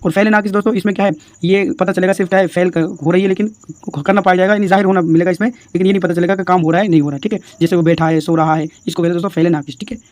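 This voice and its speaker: A man's voice: sits high, steady tone, very fast, darkish tone, no room sound. A man walking through exam answers in a lesson, addressing viewers as friends and answering his own questions. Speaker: teacher explaining exam answers.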